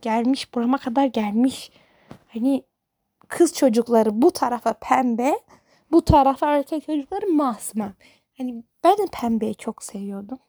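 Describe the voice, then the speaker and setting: A teenage girl, a high school student, rambling in an exasperated rant straight to camera. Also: a little mellow, no echo, clean studio sound. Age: teens. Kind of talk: casual monologue to camera.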